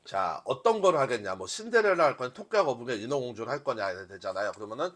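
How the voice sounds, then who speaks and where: Fast-talking and very animated, this man has a mid-range, fairly bright voice. As a workshop instructor demonstrating software live to a class, he keeps it conversational, posing questions and then answering them.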